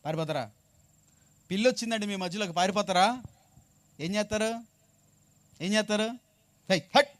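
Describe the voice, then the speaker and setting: A man preaching a sermon, questioning his congregation and asking them to answer back, moving between hushed and loud emphatic passages. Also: high voice, moderate pace, pauses often, dry recording. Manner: call-and-response preaching, asks the congregation to repeat. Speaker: pastor.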